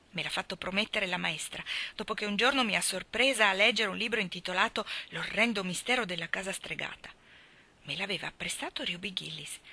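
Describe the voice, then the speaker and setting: A woman's voice: mid-range voice, bright, forceful tone. A woman voicing an earnest, talkative thirteen-year-old girl who pours out her words in an effusive rush, in an audiobook reading. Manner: breathless, effusive, talks on and on.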